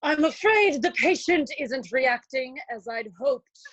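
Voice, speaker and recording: A sharp-tongued female doctor, played by a woman, speaks slowly in a high, clipped voice in a comic audio drama. The recording is dry and dull, with a lo-fi edge. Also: animated, dry recording, full character voice. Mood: curt.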